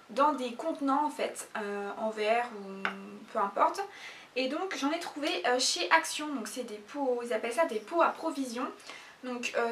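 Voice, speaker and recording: In her haul video, a female YouTuber talks in a relaxed way and frequently stalls on fillers. She has a high, fairly bright voice, with a little hiss or hum on a recording made from a distance in an echoey room.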